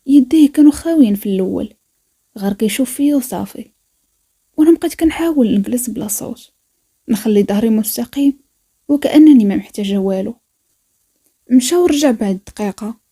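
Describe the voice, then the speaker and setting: A woman with a Moroccan accent narrating a first-person story in a soft, intimate way. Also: on the high side, lively intonation, brisk, pauses often, slightly rough.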